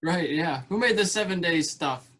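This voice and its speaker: A man hosting a podcast with a voice pitched a bit high for a man. He talks in a casual, easygoing way and often lets his thoughts trail off. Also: animated, moderate pace, a bit bright. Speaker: podcast host. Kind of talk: casual interview chat.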